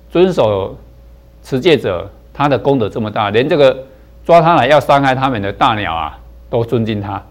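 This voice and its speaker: A man gives a Buddhist dharma lecture in an unhurried, soft-spoken way. His voice sits at an ordinary middle pitch. He fills his pauses with long, drawn-out particles. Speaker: Buddhist teacher.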